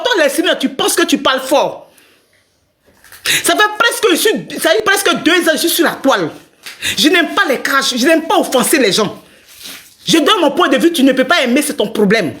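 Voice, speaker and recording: A woman's voice: high voice, very animated, moderate pace, fairly bright tone. A middle-aged woman hosting a live stream, ranting angrily at a rival and talking straight to her viewers. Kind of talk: heated live-stream rant.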